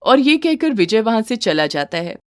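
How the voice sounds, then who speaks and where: A woman narrating a moral story for a cartoon in a steady, plain storytelling manner. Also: on the high side, normal speed, no room sound, studio quality.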